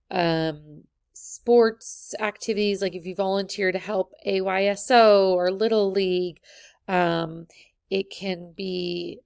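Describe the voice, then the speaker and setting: A woman with a lowish, gravelly voice walks through her course in a relaxed, friendly way, with lots of ums. The sound is dry and close, as if recorded at a computer. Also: no echo. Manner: casual, friendly, many ums. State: has the hiccups. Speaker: college instructor.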